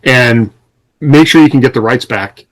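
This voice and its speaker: A man who co-hosts a podcast and writes books explains things in a casual, advisory, conversational manner. His voice is mid-range and moderately paced, and the recording quality is low.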